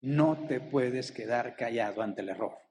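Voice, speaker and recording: A man's voice: mid-range voice, measured pace, a little mellow, slight background noise. Man preaching a sermon in a reverberant hall. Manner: asks the congregation rhetorical questions. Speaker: pastor. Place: church hall.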